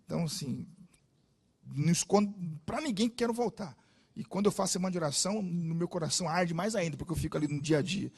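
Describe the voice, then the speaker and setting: Brazilian male pastor, animated sermon storyteller, high, husky voice. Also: fast. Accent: Brazilian Portuguese. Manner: animated storytelling, swinging between loud emphasis and soft asides.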